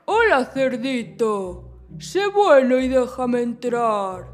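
Woman putting on a slow, theatrical big bad wolf. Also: fairly high pitch, expressive, slight background noise, voice pushed down. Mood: coaxing. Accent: Castilian Spanish. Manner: drawn-out, theatrical threats. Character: big bad wolf, male, menacing, scheming, hungry. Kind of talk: children's storybook voice acting.

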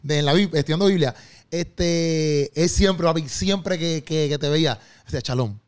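A man's voice: on the high side, normal speed, clean tone. Man, chatty host. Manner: chatty and animated, full of restarts, "loco" and "papi". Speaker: host, interviewer. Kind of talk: casual chat.

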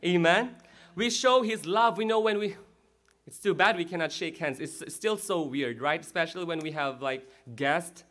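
A male pastor giving a lively sermon in a church and checking in with the crowd as he goes. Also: fairly high pitch, moderate pace.

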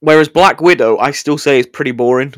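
Man, podcast co-host, animated and profane, dry close-mic sound. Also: mid-range voice, brisk, no echo. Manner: sweary, animated, stammering restarts. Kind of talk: casual chat.

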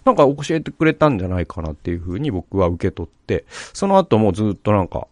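A man's voice: on the low side, big pitch swings, quick pace, no room sound, studio quality. A man hosting a podcast, telling a rambling personal story with many fillers before turning to reflection on the Bible. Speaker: podcast host. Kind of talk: casual monologue leading into Bible reflection.

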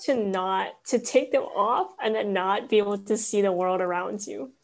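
A woman's voice: mid-range voice, moderate pace, gravelly. Playful young woman in casual chat. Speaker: podcast co-host.

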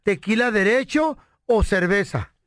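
A man's voice: sits high, expressive, unhurried, a bit bright, no room sound, studio quality. A man hosting a radio prank show, switching from polite salesman patter to slangy joking banter.

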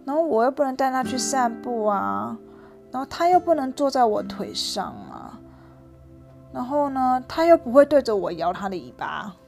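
A woman's voice: high-pitched, very animated, moderate pace, vocal fry, a little mellow, faint music behind. A woman telling a children's story aloud, chatty and asking her young listener questions, dropping in English words.

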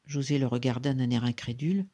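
Husky-voiced narrator for a read-aloud folk tale, gentle and even. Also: mid-range voice, fast talker. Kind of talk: storybook reading aloud.

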